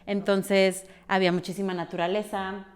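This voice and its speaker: A woman's voice: medium pitch, flat delivery, moderate pace. A woman with a Mexican Spanish accent, a podcast guest who talks freely and thinks aloud with frequent fillers. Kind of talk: conversational interview.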